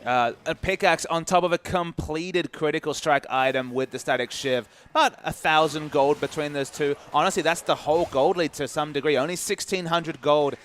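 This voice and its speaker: A man commentating an esports match, analytical and measured in his play-by-play. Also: a little high, fairly bright tone, slight background noise.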